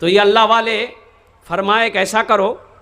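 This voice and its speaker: A man's voice: high-pitched, flat delivery, creaky, bright, forceful tone. A man preaching a humorous sermon in an eastern Hindi dialect, acting out characters and now and then singing verses. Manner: sings verses slowly, acts out characters in dialect.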